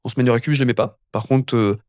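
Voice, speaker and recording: Fast-talking man, rambling and relaxed. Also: medium pitch, dry recording, clean studio sound. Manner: rambling, many fillers and restarts. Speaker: guest, physiotherapist and amateur triathlete. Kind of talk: casual podcast conversation.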